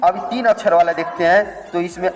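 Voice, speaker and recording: A man's voice: high-pitched, steady tone, a little fast, in a large hall, rough recording. A man teaching a language lesson, patiently spelling out letters and repeating each word twice. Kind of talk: slow step-by-step script lesson.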